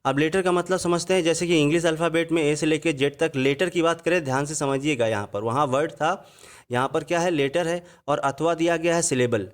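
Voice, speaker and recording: A man teaching English grammar in Hindi over slides, reading out the English examples slowly and word by word. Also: fairly high pitch. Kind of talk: online grammar lesson.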